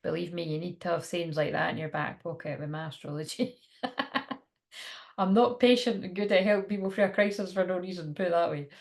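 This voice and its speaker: A woman's voice: fairly low pitch, fairly quick, gravelly. A woman chatting casually to camera as a spiritual teacher, in a rambling, informal way.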